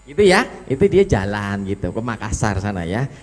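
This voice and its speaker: Animated man giving lively feedback. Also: on the low side, brisk. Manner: animated and affectionate, demonstrating lines aloud. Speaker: competition judge. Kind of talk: spoken feedback to a child contestant. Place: school storytelling competition venue.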